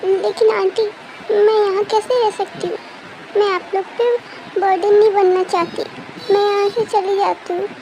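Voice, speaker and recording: A woman acting out a heartbroken young woman who keeps stammering through her tears. The voice sits very high and soft-toned, and it catches and breaks as she tries to speak in a fan-made dub story. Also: level tone, moderate pace, slight background noise, rough recording. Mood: tearful.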